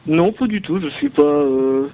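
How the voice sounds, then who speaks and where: A man's voice: a little high, lively intonation, unhurried. A young man calling in to a radio show, heard over a phone line, chatting casually and hesitantly with many fillers. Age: young adult. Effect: caller heard over a phone line.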